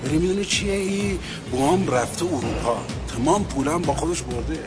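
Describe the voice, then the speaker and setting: A man's voice: a little high, lightly acted. An actor playing a broke young man pleading that he cannot pay, in a film drama. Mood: apologetic. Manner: apologetic, pleading. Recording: film soundtrack with music.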